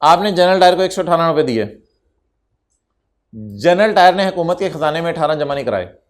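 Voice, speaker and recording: A man's voice: fairly high pitch, lively intonation, moderate pace. A man lecturing an accountancy class, teasing his students and dropping English terms into his explanation. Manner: code-switches into English terms.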